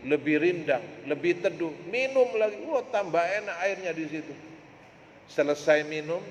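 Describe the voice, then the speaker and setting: Male preacher, lively storyteller, echoey hall recording. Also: high-pitched. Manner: lively storytelling, mixing in Javanese, addressing listeners as "Pak". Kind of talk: Quran commentary sermon. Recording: echoey hall with faint background noise.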